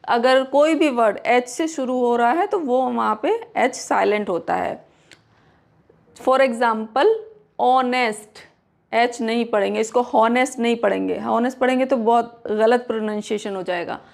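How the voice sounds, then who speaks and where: Give me a woman teacher with a slightly high, gravelly voice, drawing out each pronunciation rule. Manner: slow, drawn-out English rule reading with repeated examples. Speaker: English teacher. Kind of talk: Hindi-English pronunciation lesson.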